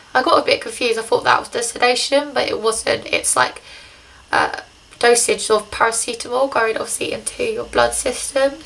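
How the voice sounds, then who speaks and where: A woman's voice: fairly high pitch, gravelly, a bit bright, low-quality recording. A young woman talking hesitantly in a casual video diary, short of breath and congested just after nose surgery. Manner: hesitant, rambling.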